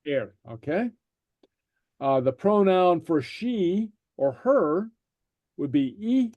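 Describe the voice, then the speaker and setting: A man teaching a language class, explaining slowly and patiently, checking in with "okay?" after each point and using many fillers. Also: high voice, lively intonation, dry recording, narrow, tinny audio. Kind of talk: slow explanatory class lecture.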